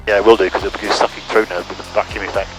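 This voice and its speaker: A man's voice: lowish voice, flat delivery, rapid-fire, creaky, over music, poor audio. A man chatting casually and briefing as an instructing pilot over a cockpit intercom headset. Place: small aircraft cockpit in flight.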